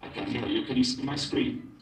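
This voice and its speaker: A man giving a technical presentation over an internet call, halting with many ums, his voice coming through garbled at times. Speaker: remote presenter at a tech meetup. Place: remote, at home. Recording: echoey, distant call audio through room speakers.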